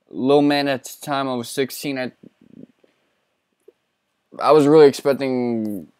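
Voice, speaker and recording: A man's voice: medium pitch, darkish tone, clear, resonant tone, no echo. A man in his thirties giving casual, profane, self-mocking commentary while playing a game. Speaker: let's play host.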